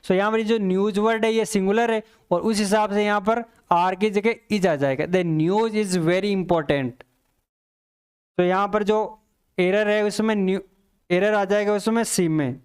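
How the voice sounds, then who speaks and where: High-pitched and clean in tone, his intonation stays fairly even as he teaches English for competitive exams. He explains each answer step by step, goes back over the key points, and reads English example sentences slowly and deliberately.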